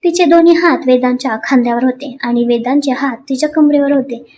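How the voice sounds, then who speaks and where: High-voiced woman narrating a story. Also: quick pace, a little mellow, a little hiss or hum.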